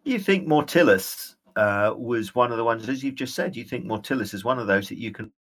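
A man running a tabletop role-playing game as game master, describing scenes in a halting way. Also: mid-range voice, animated, a bit bright.

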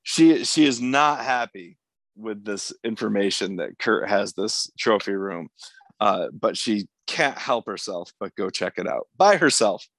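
A man's voice: lowish voice, expressive, measured pace, a bit bright, no room sound. A man co-hosting a podcast, recapping the plot of a TV episode in long, casual runs and laughing easily. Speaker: podcast co-host.

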